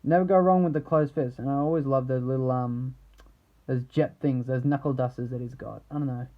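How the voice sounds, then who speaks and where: In a narrow, tinny recording, a male action figure reviewer gives an offhand product showcase without a script. He rambles in fits and starts, drops thoughts midway, and keeps a steady tone in a mid-range voice.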